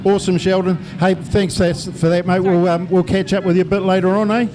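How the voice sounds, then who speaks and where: A man's voice: sits high, little pitch movement, brisk, music in the background. A man with a broad New Zealand accent, doing a casual, matey interview as a trackside reporter. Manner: matey, colloquial. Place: outdoors at a speedway. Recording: loud outdoor vehicle noise.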